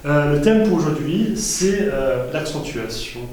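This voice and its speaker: A man teaching a lesson at a board, pausing often with fillers and restarting his phrases. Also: a little high, animated, darkish tone, a little hiss or hum. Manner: hesitant, many euh fillers and restarts. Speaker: English teacher. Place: classroom with a board. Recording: echoey room, mic far off.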